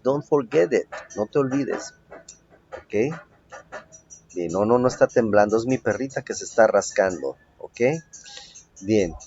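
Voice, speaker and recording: Slow, patient Mexican male teacher. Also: fairly low pitch, lively intonation, darkish tone, a little hiss or hum. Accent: Mexican Spanish. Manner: patient, explains step by step, keeps checking with "¿ok?". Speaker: English teacher. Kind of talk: remote English lesson. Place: at home. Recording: dull lo-fi home recording.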